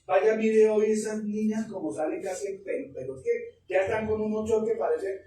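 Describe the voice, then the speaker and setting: A man's voice: high-pitched, steady tone, a little fast, dark tone. A man, a pastor preaching an emphatic, fervent sermon full of repetitions. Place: church hall. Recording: echoey hall, distant mic, faint noise.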